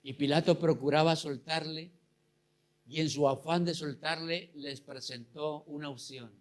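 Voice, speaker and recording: A man with a strikingly high voice preaches in a slow, unhurried cadence. His delivery rises into impassioned bursts and sinks into hushed, intimate asides. He punctuates his sermon with hallelujahs and speaks straight to his listeners as brothers. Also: fairly even intonation. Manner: impassioned preaching, swinging between loud and hushed.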